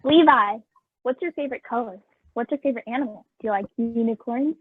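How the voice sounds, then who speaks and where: An actress playing an odd little sister who blurts out strange questions. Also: female voice, on the high side, a little fast, breathy edge, phone-quality sound. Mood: curious.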